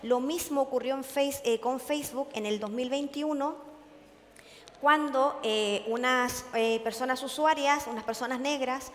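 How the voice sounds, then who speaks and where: A woman's voice: high-pitched, a little slow, fairly bright tone. A woman giving a conference talk to an audience, earnest and full of hesitations, often checking in with her listeners. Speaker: conference speaker. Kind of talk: public lecture to an audience. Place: large conference hall. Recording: long hall reverb.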